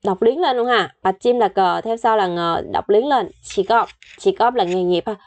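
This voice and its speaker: A woman teaching a beginner Korean lesson online, saying each word several times for practice and explaining in a chatty, friendly way with soft sentence endings. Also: mid-range voice, a little fast.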